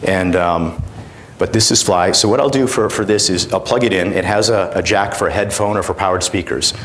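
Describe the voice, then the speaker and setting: A middle-aged man presenting a product demonstration at a conference in an informal, halting way. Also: low voice, fairly bright tone, a little hiss or hum. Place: indoor conference room, on stage.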